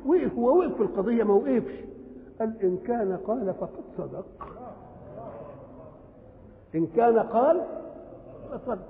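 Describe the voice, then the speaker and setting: An older man with an Egyptian accent giving a lively religious lesson, often asking his listeners a question and then answering it himself. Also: very high-pitched, moderate pace, pauses often, a little hiss or hum. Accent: Egyptian Arabic. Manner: animated, asks questions and answers them himself. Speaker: Quran commentator. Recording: tinny, echoey old hall recording.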